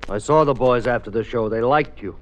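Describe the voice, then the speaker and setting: An actor playing a slick, menacing show agent with mob ties in an old radio drama, smooth-talking and condescending. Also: male voice, medium pitch, a little fast, natural voice. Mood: coolly controlling. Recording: dull, noisy old radio recording.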